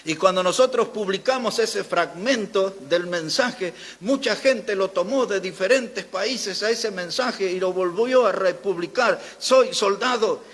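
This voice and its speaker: A man's voice: high voice, a little slow, hardly any pauses, a bit bright. An older man with an Argentine accent preaching a sermon in a church, emphatic, repeating phrases for stress. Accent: Argentine Spanish. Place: church hall. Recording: long hall reverb.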